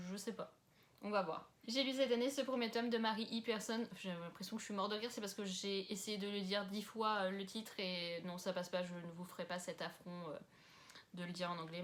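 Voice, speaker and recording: A young woman from France talks casually at home about books. Her voice sits at a middle pitch, and she rambles with fillers and self-mocking asides. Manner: chatty, self-deprecating, many fillers and asides. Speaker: book vlogger.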